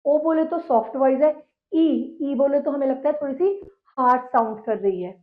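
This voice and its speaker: A woman teacher giving a science lesson. She reads English sentences slowly and then explains them in quicker, conversational Hindi. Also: a little high. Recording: tinny phone-like audio.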